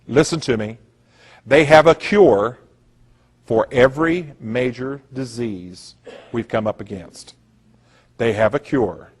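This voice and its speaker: Man, emphatic lecture, repeats himself, middle pitch. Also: slow, pauses often, husky. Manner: acts out voices in anecdotes. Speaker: speaker giving a talk. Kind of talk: conspiracy lecture.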